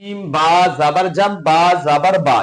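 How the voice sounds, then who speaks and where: A man with a Bengali accent teaching Quran reading, slowly spelling out Arabic letters and repeating syllables for learners. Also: fairly high pitch, a bit bright. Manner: slow, patient drilling with repeated syllables.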